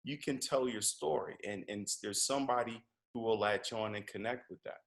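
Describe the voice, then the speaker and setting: A man who is a comedian and podcast host, telling stories as a guest in a conversational interview, animated, with lots of fillers and restarts. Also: fairly low pitch, moderate pace.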